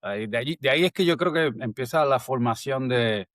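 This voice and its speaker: A man, speaking as a guest in a casual interview, thoughtful and pausing to find words. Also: medium pitch, fairly bright tone, dry recording, clean studio sound. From Puerto Rico. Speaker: guest, army colonel and entrepreneur.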